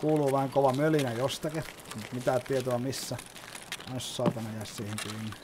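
A man talks his way through a match, explaining each move and swearing freely. His voice sits in a middling pitch, and loud game noise runs under everything he says. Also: flat delivery. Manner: chatty, explains as he plays, swears often. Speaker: gaming YouTuber. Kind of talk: gameplay commentary.

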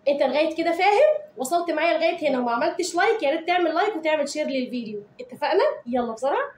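A high-pitched woman with an Egyptian Arabic accent teaches children English grammar, coaxing them along and chanting rules sing-song. She has a cold. Her voice echoes in a room, a little away from the mic. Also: lively intonation, rapid-fire, recorded from a distance, slight background noise. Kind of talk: online grammar lesson to children.

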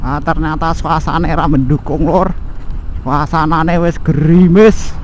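A man with a higher-leaning voice and a Javanese accent chats casually with viewers while riding a motorbike on an outdoor road. He's a motovlogger, narrating slowly and relaxedly in Javanese mixed with Indonesian, recorded on a helmet or bike-mounted action camera with faint road and traffic noise.

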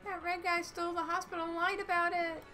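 A woman voicing a tiny, indignant citizen of a miniature city, pedantic and shrill. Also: level tone, fast talker, pushed and bright, faint music behind. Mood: pushy.

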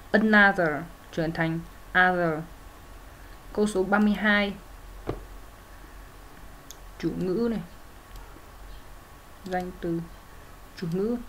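A woman teaches English grammar, methodically working through exercise answers step by step, with frequent fillers and self-corrections. Her mid-range voice is fairly bright, and there's a little hiss or hum.

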